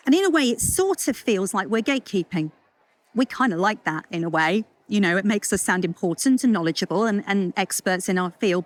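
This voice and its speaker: A woman giving a chatty, lively conference talk, full of jokes and asides. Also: on the high side. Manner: lively, chatty, self-deprecating with puns and asides. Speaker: culture consultant speaker. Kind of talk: conference talk to a live audience.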